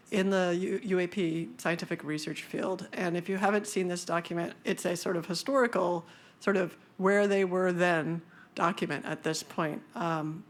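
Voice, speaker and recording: Speaking at a scientific conference, a woman with a high-pitched voice talks casually and with humor, using many fillers.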